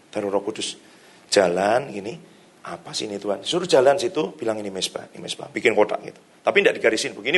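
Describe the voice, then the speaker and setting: Gravelly-voiced middle-aged pastor preaching. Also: male voice, on the low side. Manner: conversational storytelling, laughs often, javanese-flavoured casual indonesian. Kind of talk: sermon. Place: church hall.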